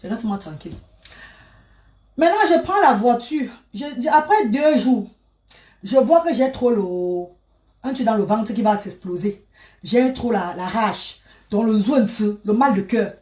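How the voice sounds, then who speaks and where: A woman telling a personal story in a dramatic, repetitive way that swings between loud and hushed. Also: on the high side, animated, a little slow. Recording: roomy, from a distance.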